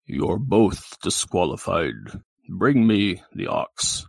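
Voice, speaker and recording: Brief: man doing a stern male judge for improv, very deep and gravelly, measured booming delivery. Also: lively intonation, no room sound, heavily acted. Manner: slow, booming pronouncements. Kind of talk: improv comedy.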